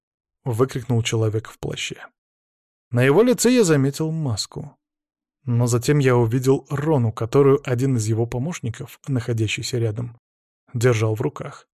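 A man reading a first-person fantasy audiobook in a steady, measured way. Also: medium pitch, gravelly, dry recording, clean studio sound. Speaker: audiobook narrator.

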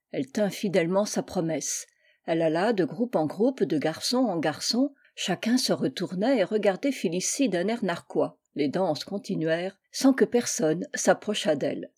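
Mellow-voiced woman narrating a classic novel. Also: mid-range voice, breathy edge. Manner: measured, even storytelling. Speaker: audiobook reader.

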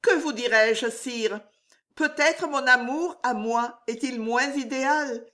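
A woman's voice: fairly high pitch, slow, bright, forceful tone, voice pushed up. A woman reading an audiobook, voicing a passionate, tearful young woman pleading with a king. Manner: pleading, emotional, breathy at times.

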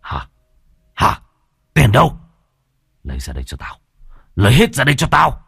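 A man voicing a panicked young master who stammers and shouts. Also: a bass voice, very animated, normal speed, gravelly, breathy edge, no room sound, clean studio sound, pitched below the performer's own voice, full character voice. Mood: furious.

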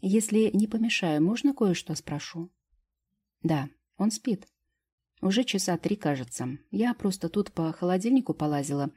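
A woman voicing a timid, hushed young girl. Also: on the low side, animated, normal speed, slightly rough. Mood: chatty. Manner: soft, hushed, hesitant. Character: shy young woman, gentle and unsure. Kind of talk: audiobook character reading.

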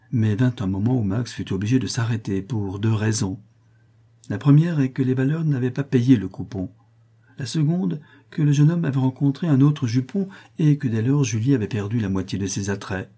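A man narrating a literary novel as an audiobook with a steady, expressive reading. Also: medium pitch, slightly rough. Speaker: audiobook reader.

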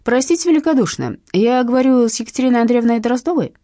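A woman's voice: a little high, lively intonation, quick pace, warm tone, no echo, clean studio sound, pitched above the performer's own voice, lightly acted. A woman voicing an elderly, courteous male blackmailer who speaks in a ceremonious, politely menacing way, in an audiobook. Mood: smoothly menacing. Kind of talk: audiobook narration.

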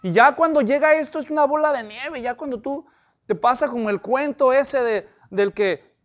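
A man's voice: very high voice, highs cut off. A man preaching an expository sermon, asking the congregation questions and telling stories to illustrate his points. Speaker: pastor.

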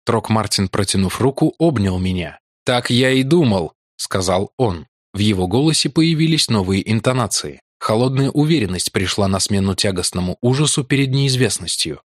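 A man narrating a fantasy adventure audiobook in measured, even storytelling, close to the mic in a studio. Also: lowish voice, dry recording. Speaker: audiobook reader. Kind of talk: scripted literary narration. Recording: dry close studio sound.

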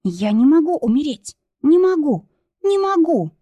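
A woman voicing a terrified young woman, crying out in shrill, frantic bursts. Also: big pitch swings, measured pace, mellow, dry recording. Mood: panicked.

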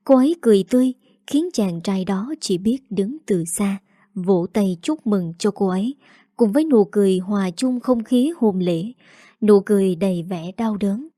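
Mellow-voiced woman narrating a story. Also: medium pitch, animated, normal speed, dry recording, studio quality.

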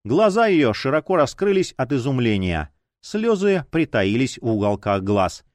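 A man narrating an audiobook in an expressive dramatic style. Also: medium pitch, normal speed, no echo, studio quality. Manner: expressive, lively.

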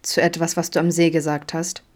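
Woman doing a quiet, worn-down dad in a storybook, low soft voice. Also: little pitch movement, a little fast, natural voice. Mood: subdued. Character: middle-aged father, shy, troubled, self-critical.

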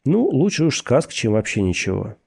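A man's voice: mid-range voice, sing-song, a little fast, vocal fry, darkish tone, breathy edge, heavily acted. A man voicing a cold, mocking young male rival walker with a drawling, sardonic manner.

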